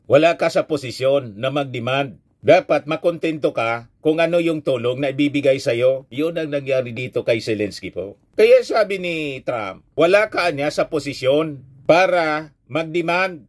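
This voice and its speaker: A man with a Filipino accent giving casual, opinionated news commentary, reading English reports aloud and repeating phrases for emphasis. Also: mid-range voice.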